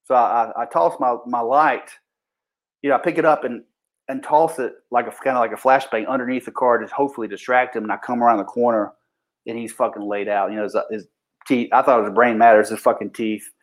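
A man's voice: mid-range voice, steady tone, fast talker, low-quality recording. Profane, blunt police officer man. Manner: profane, blunt, restarts sentences often; acts out what people said in raised voices. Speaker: police officer recounting a shooting. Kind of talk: casual storytelling.

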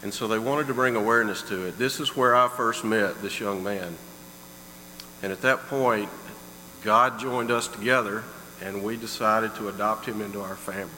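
A man's voice: lowish voice, fairly even intonation, moderate pace, sharp tone. A middle-aged man giving a heartfelt storytelling introduction of a guest in church. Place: church sanctuary. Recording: long hall reverb, faint mains hum.

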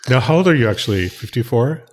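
A man's voice: medium pitch, lively intonation, quick pace. A man in his forties co-hosting a casual podcast, teasing his partner with dry banter and telling stories. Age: 40s. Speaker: podcast co-host. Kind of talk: casual chat.

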